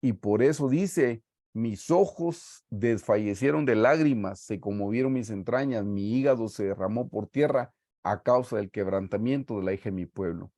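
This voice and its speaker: A man with a Guatemalan Spanish accent leading a sermon-style Bible study over a video call, reading verses slowly and often calling his listeners brothers. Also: on the low side, dark tone, no echo, clean studio sound.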